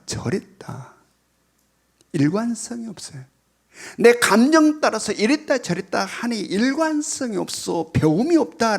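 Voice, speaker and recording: Gravelly, lively-voiced male pastor preaching. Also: high-pitched. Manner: swings between loud emphatic lines and whispered asides; repeats key phrases for emphasis. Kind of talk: sermon.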